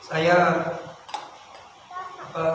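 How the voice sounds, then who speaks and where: Brief: Javanese male recitation teacher, slightly high, tired voice, heard from afar in an echoey hall. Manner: explains then chants verses slowly in melodic tones. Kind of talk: Quran recitation lesson with chanted examples. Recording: echoey hall, distant mic, noisy.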